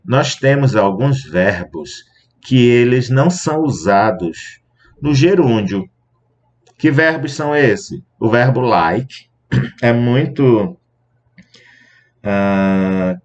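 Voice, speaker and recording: Man teaching English, muffled sound. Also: lowish voice. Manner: explains patiently, spells out letters, repeats English examples slowly. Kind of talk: recorded grammar lesson.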